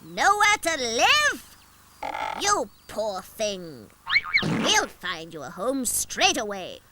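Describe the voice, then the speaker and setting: Helpful little cartoon blob, soothing, encouraging, slow pace, lively pitch movement. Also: female voice, very noisy, full character voice. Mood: sympathetic. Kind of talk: children's cartoon voice acting.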